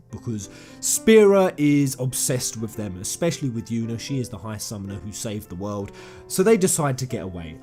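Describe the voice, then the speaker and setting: Over background music, a man with a medium-pitched, warm voice commentates on a video game. He speaks informally and with enthusiasm, stressing and repeating phrases as he retells a story to his viewers.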